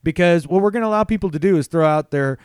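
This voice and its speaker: A man co-hosting a casual sports podcast, laid-back and quick to laugh, with a habit of casual swearing. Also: on the high side, a little mellow, clear, resonant tone, no echo, studio quality. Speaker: podcast co-host.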